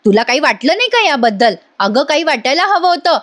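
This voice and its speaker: A woman's voice: high-pitched, normal speed, lightly acted. A woman reading a scolding young wife. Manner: scolding, reproachful. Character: angry young married woman scolding her sister. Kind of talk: retelling a serial's dialogue.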